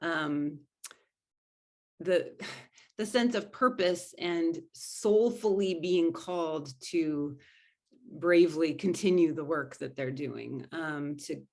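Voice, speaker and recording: Low gravelly woman, spiritual coach guest, earnest and thoughtful, lots of restarts. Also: takes it slowly, darkish tone. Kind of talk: conversational interview answers.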